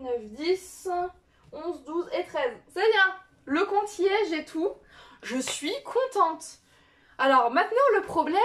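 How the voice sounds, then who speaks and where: A young woman vlogging casually about a book order, rambling with many fillers and restarts. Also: sits high. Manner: chatty, self-correcting. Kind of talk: casual unboxing chat.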